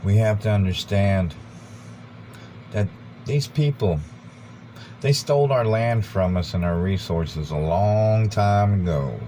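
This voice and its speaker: An American man giving an informal, rambling monologue, earnest and deliberate, repeating phrases for emphasis. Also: warm tone. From United States. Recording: background noise with vehicle rumble.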